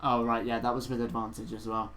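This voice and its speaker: A man acting as game master, narrating and ruling on a tabletop game in a casual, halting way as he searches for words. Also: mid-range voice, little pitch movement, fairly bright tone.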